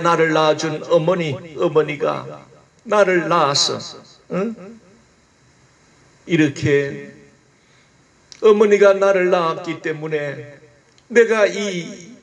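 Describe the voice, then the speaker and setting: Slow, earnest higher-voiced male pastor. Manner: earnest, slow and deliberate, prompts listeners with "eh?". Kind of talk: Bible study sermon.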